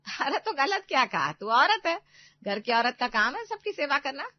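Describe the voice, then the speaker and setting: A woman's voice: high voice, very animated, moderate pace, dry recording, voice pushed up. A woman voicing a domineering old grandmother in a cartoon who spoils her grandson and scolds her daughter-in-law. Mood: scolding. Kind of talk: cartoon voice acting. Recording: dull dry recording.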